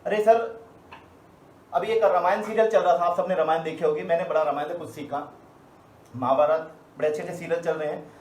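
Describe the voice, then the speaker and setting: Male trainer, storytelling motivational delivery, slightly raised pitch, recorded in a roomy space. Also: steady tone, a little fast, pauses often, a little mellow. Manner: storytelling, rhetorical questions, emphatic. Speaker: team trainer. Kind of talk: live motivational training talk. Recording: echoey room, faint ambience.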